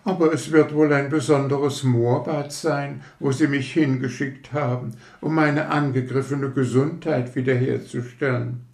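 A man's voice: mid-range voice, fairly even intonation, a little slow, vocal fry, hardly any pauses, voice pushed up. A man voicing a haughty, self-important firework rocket in a storybook, with a pompous, affected manner. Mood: fussy. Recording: roomy echo.

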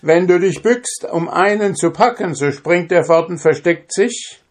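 A man's voice: high voice, unhurried, pitched above the performer's own voice. A man doing a fearless, cunning young drummer.

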